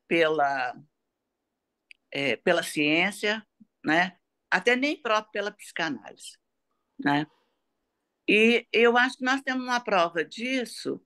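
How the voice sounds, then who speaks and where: A Brazilian woman speaks very slowly at a medium pitch. She is thinking aloud as a seminar speaker, halting between short phrases and seeking agreement as she goes. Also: bright, forceful tone. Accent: Brazilian Portuguese. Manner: reflective, halting, seeking agreement with tag questions. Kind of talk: unscripted seminar talk.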